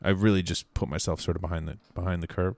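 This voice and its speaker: Deep-voiced man in his thirties, rambling. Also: steady tone, fast talker, darkish tone, no room sound. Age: 30s. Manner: rambling, self-correcting, wry and profane. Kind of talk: casual chat.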